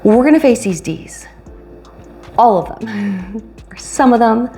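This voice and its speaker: A woman in her late fifties talking casually to camera about retirement, chatty and animated, speeding through asides and slowing on key phrases. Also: fairly high pitch, faint music behind. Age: 50s. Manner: chatty, animated, swings between quick asides and slow stressed phrases. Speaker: retirement vlogger and coach. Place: home room, indoors.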